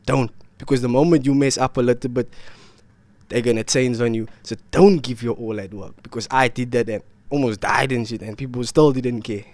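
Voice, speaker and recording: To his vlog viewers, a young man who is ill and tired casually tells a meandering, slang-heavy story about his sickness, going over the same points again and again. He talks at a moderate pace in a medium-pitched, darkish voice, with no room sound.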